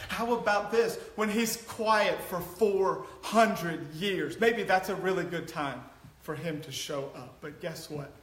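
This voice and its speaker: A pastor with a high-pitched, fairly bright voice preaches slowly in a church sanctuary, chatting and joking with the congregation before building into passionate exhortation. The recording has the echo of a church hall.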